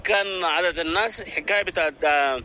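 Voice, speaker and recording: A man answers informally as a news interviewee, with faint outdoor noise around him. His voice is highish and very bright, almost piercing. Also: fast.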